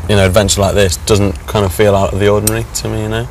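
A man's voice: on the low side, flat delivery, very fast, darkish tone, a little hiss or hum. A man with a British accent in casual chat at a dining table, a reality show contestant.

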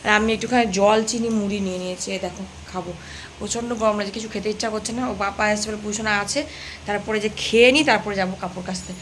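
A woman's voice: mid-range voice, steady tone, racing, background noise. A woman, chatting casually to viewers in a home vlog while doing housework. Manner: chatty, addresses viewers directly. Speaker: vlogger, housewife. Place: home, kitchen and bathroom.

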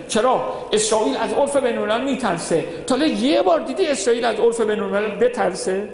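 A man with a very high voice delivers a sermon in a large hall, and his words ring out with a long reverb. He tells his stories with energy and keeps asking his listeners questions. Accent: Iranian Persian. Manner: animated storytelling, rhetorical questions. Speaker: cleric lecturer. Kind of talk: religious lecture.

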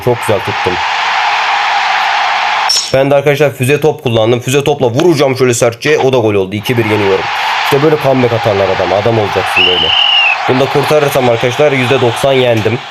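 A young man commenting on a mobile football game he plays, excitable and teasing his opponents as he talks to viewers. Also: medium pitch, heavy background noise. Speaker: gaming YouTuber.

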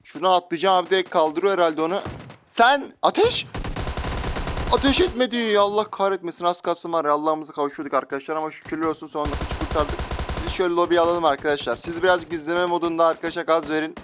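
A young man giving lively, joking commentary while playing a mobile shooter, talking back at his in-game enemies. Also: fairly high pitch, very fast, background noise. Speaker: gaming YouTuber. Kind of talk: live gameplay commentary.

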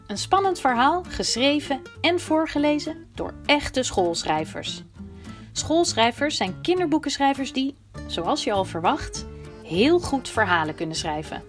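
A woman presenter introducing a children's story series in scripted narration. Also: fairly high pitch. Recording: soft guitar music behind.

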